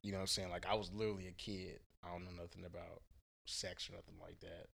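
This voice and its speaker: A Houston, Texas man guesting on a podcast talks fast in a low, flat voice with vocal fry and a slightly bright edge. His casual conversation is loose, slangy and profane, and he often trails off hunting for words.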